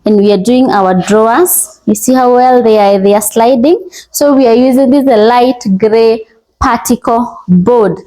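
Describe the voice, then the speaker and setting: Kenyan woman presenting a house tour, higher-pitched. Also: measured pace, mellow, rough recording. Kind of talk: informal property walkthrough narration. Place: indoors in an unfinished house.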